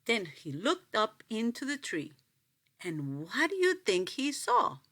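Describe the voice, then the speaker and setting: A woman reading a picture book aloud to children, expressive and asking them questions. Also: fairly high pitch, takes it slowly. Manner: expressive, asks the listeners questions. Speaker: storyteller.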